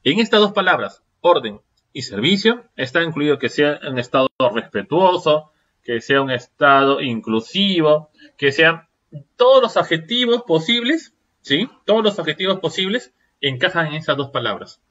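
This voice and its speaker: A man's voice: on the high side, big pitch swings, moderate pace, a bit bright, highs cut off. A man giving a seminar lecture, firing off rhetorical questions and checking in with the audience. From Peru.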